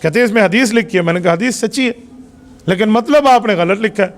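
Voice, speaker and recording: Male Pakistani cleric, high voice, rhetorical sermon delivery, reverberant mosque hall. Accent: Pakistani Urdu. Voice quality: emphatic, rhetorical questions to the congregation. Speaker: mufti preaching Friday sermon.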